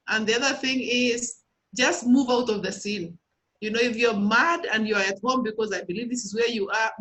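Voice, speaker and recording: A woman's voice: fairly high pitch, poor audio. A woman moderating a webinar Q and A, reading out questions and encouraging the speakers. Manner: warm, encouraging, reads out questions. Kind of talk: hosting a Q and A session.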